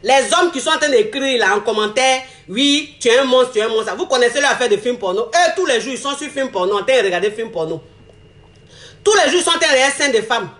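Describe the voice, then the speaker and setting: A woman's voice: a little high, expressive, fast, a bit bright. A woman, ranting emphatically to her viewers in a repetitive, mocking tone with frequent laughs. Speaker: vlogger. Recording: roomy echo.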